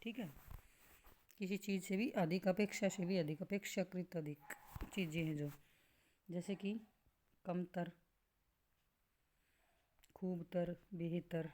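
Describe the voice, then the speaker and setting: A woman leads a grammar lesson, going through word lists item by item. Her voice sits a little low, and she speaks very slowly and deliberately, coughing now and then. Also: warm tone. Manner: slow, listing words one by one with explanations. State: coughing at times. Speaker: Hindi grammar teacher. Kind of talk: slow classroom-style grammar lesson.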